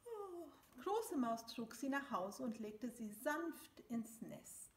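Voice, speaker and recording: A woman's voice: a little high, echoey room, slight background noise. A woman reading a children's story aloud, switching between two languages in a sing-song way. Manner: slow, animated, sing-song.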